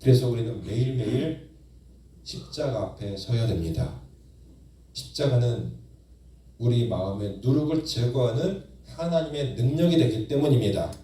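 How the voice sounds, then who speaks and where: A man pastor preaching a Sunday sermon in a church, with rising emphasis and slow, drawn-out lines. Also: mid-range voice, lively intonation, mellow, a little hiss or hum. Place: church sanctuary. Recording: very echoey church hall, distant mic.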